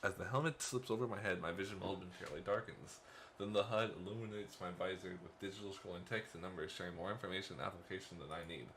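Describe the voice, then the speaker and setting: A man's voice: deep voice, fast, a bit bright, slight background noise. A man hosting a let's play, reading a visual novel's first-person narration aloud with playful asides and chuckles.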